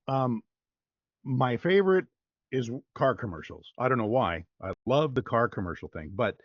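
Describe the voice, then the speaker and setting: A male voice-over artist, talking casually as an interview guest, in a relaxed and chatty way with fillers. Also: medium pitch, moderate pace, no echo, muffled recording.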